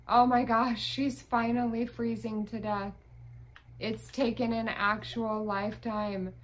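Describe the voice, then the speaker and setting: Slow-talking exasperated woman gamer. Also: medium pitch, a little hiss or hum, rough recording. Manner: exasperated, chatty, pleading with the game. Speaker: gaming YouTuber. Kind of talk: gameplay commentary.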